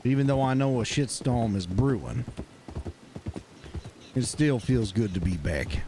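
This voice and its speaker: A man, speaking gruffly and bluntly in character during a roleplay game stream, swearing often. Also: mid-range voice, expressive, a little slow, noisy background.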